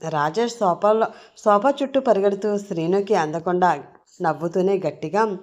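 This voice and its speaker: A woman storyteller narrating a serialized audio story in a conversational, brisk manner. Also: medium pitch, darkish tone, dull audio.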